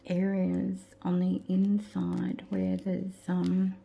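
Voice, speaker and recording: A woman hosting a craft tutorial, chatting to herself as she works and often dropping into soft whispers. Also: on the low side, monotone, takes it slowly, gravelly. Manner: chatty, talks to herself while working, drops into soft whispers. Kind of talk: casual craft tutorial narration.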